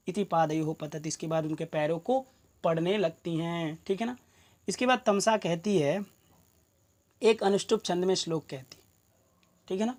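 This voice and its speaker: A woman teaching a Sanskrit play, reading each verse slowly and then explaining it in plain talk, often asking rhetorical questions. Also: mid-range voice.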